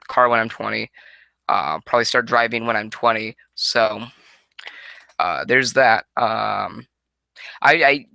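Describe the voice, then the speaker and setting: Answering viewer questions from a small room in his home, a nineteen-year-old Connecticut man talks into a headset microphone in a rambling, casual Q&A monologue full of restarts and self-corrections. His medium-pitched voice has vocal fry and sounds pushed and bright, with a clean tone and no echo, though the audio quality is poor.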